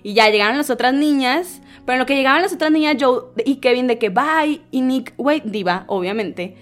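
A young woman in her twenties with a Mexican accent, hosting a vlog in a casual, slangy, animated storytelling style. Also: sits high, a little fast. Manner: animated, slangy, acts out quotes in other voices. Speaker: vlogger host. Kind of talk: casual storytelling and chatty entertainment news.

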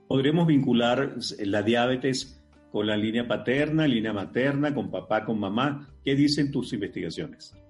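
A Venezuelan man hosting an interview and asking measured, courteous questions. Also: mid-range voice, a little mellow, faint music behind. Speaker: host.

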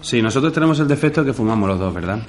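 A man from hosting a casual chat about films, relaxed and talking straight to his listeners. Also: medium pitch, very fast, faint music behind. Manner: relaxed, chatty, addresses listeners. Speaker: podcast host.

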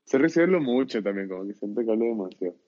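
A man's voice: fairly low pitch, lively intonation, racing, dark tone. Chatty young Chilean man, tinny line. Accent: Chilean Spanish. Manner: chatty, slangy storyteller. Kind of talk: casual chat.

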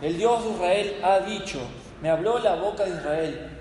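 A man preaching a sermon, telling stories dramatically and slowing down with weighty pauses for emphasis. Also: high voice, a little mellow. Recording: echoey hall with faint noise.

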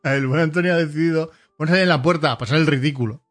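A man with a fairly high voice chats casually and throws in jokes. He reacts to a friend's story with his own comments. Faint music sits under him. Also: very fast. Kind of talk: casual chat.

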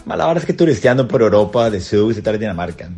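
A young Costa Rican man with a Costa Rican accent telling a personal anecdote casually, animated and full of slang. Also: fairly low pitch, fast talker, music in the background. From Costa Rica. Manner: animated, slangy, rising excitement in action. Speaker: storyteller.

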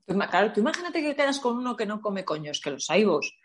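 A woman with a mid-range voice co-hosts a relaxed chat. She teases her partner and slips into quick acted-out scenes to make her points. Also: mid-range voice. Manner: teasing, playfully acts out little scenes. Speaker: podcast co-host. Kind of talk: casual chat.

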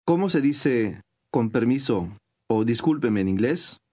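A man giving clear, patient scripted instructions as a language course narrator. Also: medium pitch, lively intonation, measured pace, mellow.

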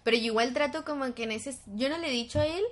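A woman's voice: sits high, fast talker. A woman, speaking bluntly and candidly in a casual chat.

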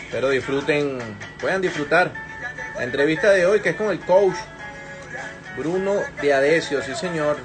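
Jovial high-voiced male interview host. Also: normal speed, over music. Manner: jovial, chatty, teasing. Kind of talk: casual interview.

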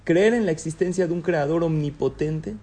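A rabbi teaches a Torah class in Spanish sprinkled with Hebrew terms, his voice fairly high, mellow and at a normal speed. He puts questions to his listeners, answers them himself and slips in light jokes.

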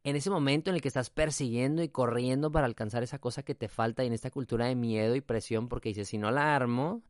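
A podcast host with a Mexican Spanish accent talks in a casual, reflective monologue, slipping in English phrases and tag questions. His mid-range voice moves at a quick pace. The studio sound is clean, with no echo.

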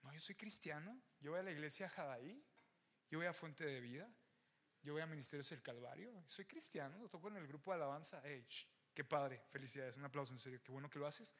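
A young man with a Mexican accent preaching an animated, joking sermon to young people, often raising his voice. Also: fairly high pitch, brisk. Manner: animated, joking, shouts to the crowd. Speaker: youth preacher. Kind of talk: lively sermon.

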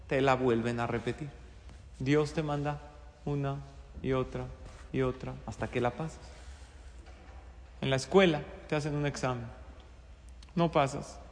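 A man's voice: a little high, darkish tone. A man giving a Torah-based moral teaching, driving his points home with rhetorical questions and repetition. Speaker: religious teacher. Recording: long reverb.

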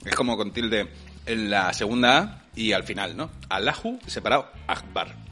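A man's voice: fairly low pitch, moderate pace, pushed and bright. A man in casual chat, opinionated and telling absurd jokes dryly. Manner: opinionated, dry absurd humor. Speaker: podcast co-host.

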